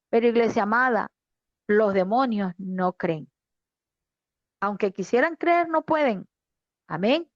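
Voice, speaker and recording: A woman pastor delivers a fervent sermon, talking directly to her congregation. Her voice sits high and her delivery is slow and deliberate. The recording is dry and a little muffled. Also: no room sound. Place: online church service.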